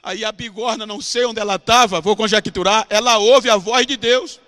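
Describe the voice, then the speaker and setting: A man with a Brazilian Portuguese accent preaching a sermon as a pastor, swinging from hushed storytelling to shouted climaxes. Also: sits high, fairly even intonation, moderate pace.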